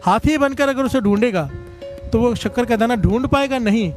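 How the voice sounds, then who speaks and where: A man preaching a devotional storytelling sermon to a congregation, exhorting them to call and respond and rising in pitch as he urges them on. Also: normal speed, soft background music. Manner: animated, rises in pitch on exhortations. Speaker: Sikh katha preacher. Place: religious gathering before a congregation.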